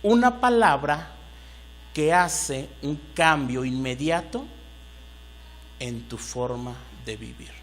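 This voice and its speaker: A man's voice: a little high, lively intonation, slow, pauses often, a little hiss or hum. A man with a Mexican Spanish accent preaching a sermon to a congregation, rising into emphatic bursts and asking the room questions. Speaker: pastor. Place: church hall.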